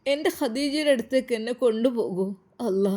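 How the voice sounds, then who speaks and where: A woman's voice: on the high side, moderate pace, warm tone, natural voice. A woman voicing a grieving widowed father who sobs and pleads with a breaking voice, in a Malappuram Malayalam accent.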